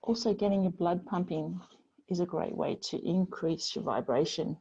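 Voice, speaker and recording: A woman teaching a yoga class, guiding students slowly and gently with soothing pauses. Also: on the low side, gravelly, slightly rough, muffled recording. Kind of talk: guided yoga class instruction.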